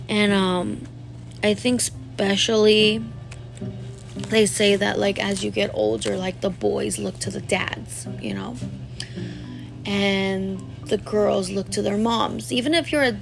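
With music in the background, a woman in her thirties shares a personal story on camera at a measured pace. Her voice is medium-pitched and gravelly with fairly even intonation, and she rambles candidly to her viewers, leaning heavily on "like."

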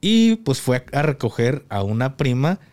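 A man's voice: medium pitch, very animated, normal speed, a little mellow. A man with a Mexican accent, chatting casually as a podcast host, full of slang and laughing easily. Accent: Mexican Spanish. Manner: slangy, laughs while telling a grim story.

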